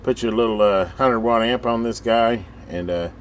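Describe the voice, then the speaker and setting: An American radio enthusiast presenting on his channel talks in a medium-pitched voice at a moderate pace, working hands-on at his radio gear workbench. Thinking aloud, he rambles in a casual, folksy way, and the recording carries steady background noise.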